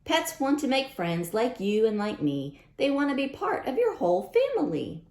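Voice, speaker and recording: In an echoing, roomy recording, a woman with a slightly high, slightly mellow voice reads at storytime for young children. She's very animated at a moderate pace, sing-song in manner, often asking questions and repeating lines.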